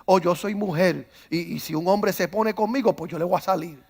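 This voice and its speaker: A man, a pastor preaching a sermon who starts calm and builds to loud, fervent preaching, acting out stories along the way. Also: sits high, normal speed, husky. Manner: tells stories, acts out quoted voices. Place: church.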